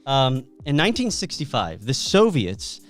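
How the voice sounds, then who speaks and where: A man's voice: mid-range voice, normal speed, faint music behind. Storytelling man on a podcast. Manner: animated storyteller, reads out facts. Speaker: podcast co-host. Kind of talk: casual podcast chat.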